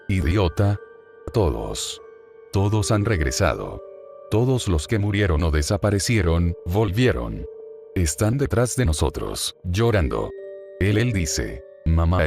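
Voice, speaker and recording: Frightened woman caller hiding at night, voiced flatly by a deep-voiced man. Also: measured pace, gravelly, soft background music, heavily acted.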